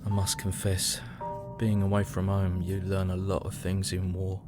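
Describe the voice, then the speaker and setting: Over dramatic music, a man performs as a young, worn-out British soldier writing his diary in 1917 trench warfare, his low voice haunted and nearly monotone. The pace is moderate and the acting light, while the mood stays somber, weary and reflective, with a dramatic edge.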